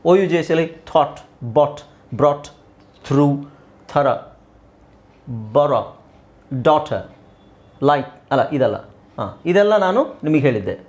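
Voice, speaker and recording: A middle-aged male teacher with a Kannada accent walks through an English lesson, spelling words letter by letter and repeating them. His voice sits a little high and swings widely in pitch as he explains. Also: big pitch swings, darkish tone. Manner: explains patiently, repeats words, slow deliberate spelling aloud.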